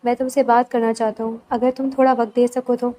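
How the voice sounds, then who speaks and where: A woman's voice: on the high side, little pitch movement, slight background noise, natural voice, rough recording. Woman reading as earnest pleading young husband. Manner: soft, earnest, reassuring. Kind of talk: novel read aloud.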